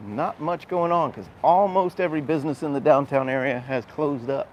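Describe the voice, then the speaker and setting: Brisk and fairly high-pitched, a man leads a live walking tour through town, explaining things conversationally and drawing attention to what's around. The street recording is noisy with urban background sound.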